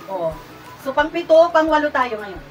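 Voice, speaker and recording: A Filipino woman vlogger hosting a giveaway raffle, talking casually to her viewers with playful teasing and excited squeals. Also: high-pitched, normal speed, muffled recording. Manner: chatty, excited squeals at each winner, playful self-teasing. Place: hot room indoors. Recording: mic at a distance, music playing loud.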